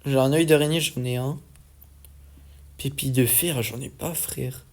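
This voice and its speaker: A young man giving casual let's-play commentary, excitable and swearing often as he talks to his viewers. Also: medium pitch, a little slow, slight background noise. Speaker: gaming YouTuber.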